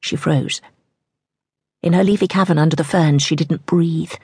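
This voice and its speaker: A woman narrating an audiobook in a tense, measured storytelling manner. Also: sits low, steady tone, darkish tone, husky, no echo.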